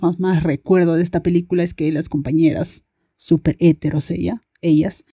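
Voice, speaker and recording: A young woman with a Latin American Spanish accent tells a story in a chatty, animated way. She acts out her friends' lines as she goes. Her voice is low-set and mellow, recorded close and dry. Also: husky, no room sound. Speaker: podcast host. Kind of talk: casual storytelling monologue.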